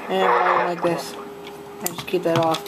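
A host shows a collection to a handheld camera at home, sitting at a desk and speaking in a medium-pitched monotone. The casual presentation stumbles along with frequent throat-clearing and coughs. The recording, from the camera's built-in mic, is noisy and has clicks.

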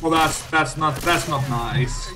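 A man hosting a casual game playthrough, talking excitably, exclaiming and swearing at the action. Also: fairly high pitch, takes it slowly, noisy background. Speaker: host. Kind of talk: let's play gaming commentary. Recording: game music loud behind voice.

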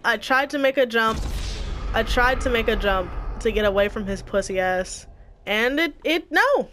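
Loud, high, dramatic swearing woman gamer. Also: lively intonation, normal speed, a little hiss or hum. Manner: loud, dramatic, swears a lot, screams at setbacks. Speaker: streamer playing an online game. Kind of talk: casual gaming commentary. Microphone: headset or desk mic.

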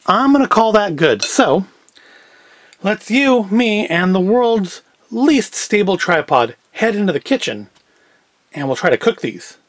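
This high-voiced man, recorded with no room sound, hosts a homemade food review video at home. Working at a table and later in the kitchen, he rambles casually, wryly thinking aloud and questioning his own choices as he cooks.

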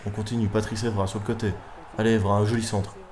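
A young man giving excitable live commentary on his own football video game match, swearing at his players and breaking into shouts. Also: lowish voice, fast talker. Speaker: gaming YouTuber. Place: room at home at night.

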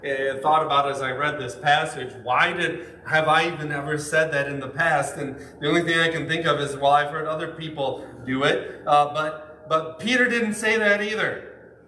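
Bright-voiced male pastor in an echoey church. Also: on the high side, normal speed, far from the mic, a little hiss or hum. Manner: conversational, with rhetorical questions and emphatic stresses. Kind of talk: sermon. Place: church sanctuary. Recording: echoey room, speaker off the mic.

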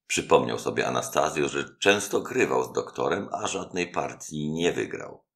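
A man reading a classic novel aloud in a measured, dramatic storytelling manner. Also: very deep voice, lively intonation, vocal fry. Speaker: audiobook narrator. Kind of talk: literary audiobook reading.

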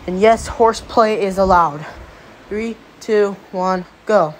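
A woman's voice: mid-range voice, slow, darkish tone, close to an everyday voice. Woman as a bossy cartoon contest host, noisy recording. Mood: bossy, announcing. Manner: announcing, bossy.

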